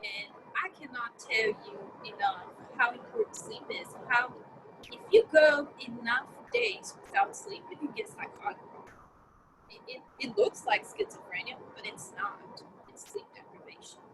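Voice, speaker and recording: A woman giving an earnest webinar talk over an online call. Her voice cuts in and out under static, and she pauses often with "um" as she explains. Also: sits high, big pitch swings, whispered, low-quality recording. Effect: voice cutting in and out under static over an online call. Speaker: wellness presenter. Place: indoors near a window. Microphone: online video call.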